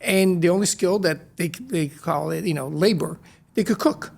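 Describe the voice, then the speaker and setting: A middle-aged man from Brazil whose first languages were Chinese and Portuguese, telling stories briskly and with energy as a podcast guest. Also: high-pitched, vocal fry. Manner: brisk, animated storyteller. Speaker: guest, restaurant co-founder. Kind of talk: casual interview storytelling.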